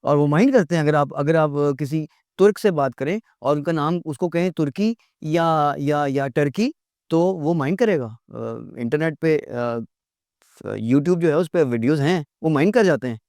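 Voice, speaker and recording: A man teaching an English lesson, repeating each word slowly with exaggerated mouthing and adding wry, gently scolding asides. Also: on the high side, no echo, studio quality. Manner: drills words with slow, exaggerated mouthing and repetition. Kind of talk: recorded pronunciation lecture.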